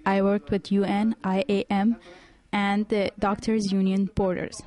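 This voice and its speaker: A woman's voice: medium pitch, a little mellow. A middle-aged woman from Afghanistan giving earnest, composed personal testimony. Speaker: interviewee.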